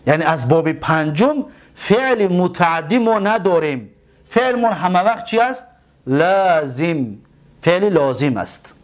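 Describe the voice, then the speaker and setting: Man, high-pitched voice, Tajik Persian accent, grammar lesson, stretches out example words, asks and answers his own questions. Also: very animated. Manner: repeats and drawls example words slowly. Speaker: teacher of Arabic grammar.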